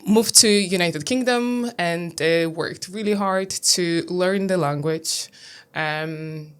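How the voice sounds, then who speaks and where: The Lithuanian pageant winner, a woman in her thirties, keeps responding to interview questions in accented, non-native English full of fillers and hesitation. This time her voice sits lower, remaining slow, clear and resonant.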